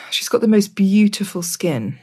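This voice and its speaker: A woman's voice: mid-range voice, lively intonation, slow pace, dark tone, slightly rough. A woman speaking candidly and thoughtfully about a close friend in a reflective conversation. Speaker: interviewee.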